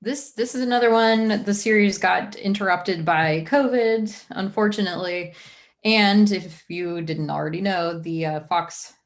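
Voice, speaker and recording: A woman's voice: medium pitch, measured pace. A woman hosting a live stream, chatting casually through new releases with many fillers and restarts.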